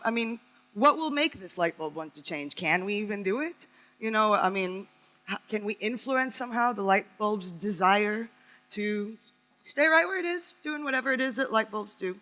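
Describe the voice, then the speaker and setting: A woman's voice: mid-range voice, pushed and bright, poor audio. A woman from California, giving a chatty, upbeat conference talk on stage, with many ums. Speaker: conference speaker.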